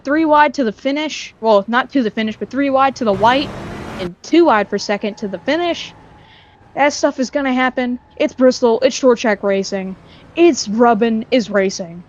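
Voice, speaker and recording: Woman commentating a sim race, lo-fi mic. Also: fairly high pitch. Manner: casual, repeats herself, quick to get excited over close racing. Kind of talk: live sim racing commentary. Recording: dull lo-fi stream mic.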